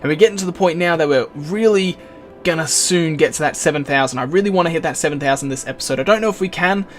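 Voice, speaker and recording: A man's voice: a little high, fast talker, soft background music. Man narrating a city-builder let's play. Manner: relaxed, thinking aloud while building. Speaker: gaming channel host.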